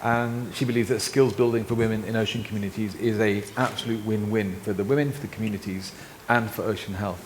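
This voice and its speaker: Low-voiced male panel moderator in a hall. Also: fast, few pauses. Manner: relaxed, with fillers, relays comments and hands over questions. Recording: reverberant hall with faint noise.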